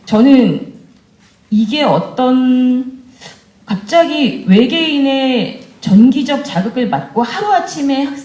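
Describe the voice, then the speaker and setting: A woman in her forties gives a talk to a room of mothers. Her voice is somewhat high yet warm and mellow, and she speaks candidly, often putting questions to the listeners. The room around her rings with a noticeable echo. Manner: candid, conversational, asks the audience questions. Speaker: education speaker addressing mothers. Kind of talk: lecture to parents. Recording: roomy echo of a lecture hall.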